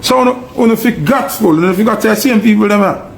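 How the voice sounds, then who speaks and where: A Jamaican man with a gravelly, fry-laden voice sitting a little high for a man. He rants in an emphatic, preachy monologue and keeps hammering his listeners with rhetorical questions. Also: fast talker, a little hiss or hum. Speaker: online commentator. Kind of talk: ranting monologue.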